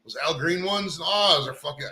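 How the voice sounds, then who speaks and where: On a casual podcast, a male host chats loosely, swearing often and tossing around "bro" and "dude." His voice sits a little high and moves fairly quickly, with a bright, forceful tone, and the recording is rough.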